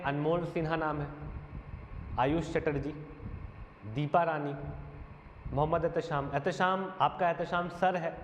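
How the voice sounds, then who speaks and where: A male teacher, defending himself point by point in an earnest, aggrieved monologue. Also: fairly high pitch. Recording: echoey dull room sound, faint noise.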